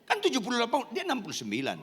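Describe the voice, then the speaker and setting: Man preaching, bright tense voice, jumps all over the place, jokes around, echoey hall. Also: very high-pitched, rapid-fire, husky. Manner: animated, joking, quizzing the congregation, shouting at times. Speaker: pastor. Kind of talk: lively sermon.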